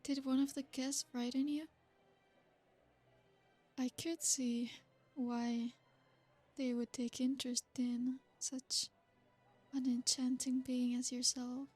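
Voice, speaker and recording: Woman voicing a soft-spoken ancient vampire lady. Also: sits high, slow pace, pauses often, faint music behind. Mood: predatory. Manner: soft, formal and flattering. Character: ancient aristocratic female vampire, seductive and possessive. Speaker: ASMR roleplay performer. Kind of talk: ASMR roleplay.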